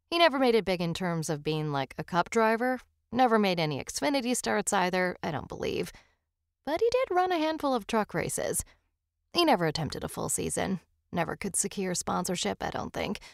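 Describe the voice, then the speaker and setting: A woman doing folksy rambling small-town dad, gravelly edge, close and dry. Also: mid-range voice, dry recording. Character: chatty small-town father recalling old racing days.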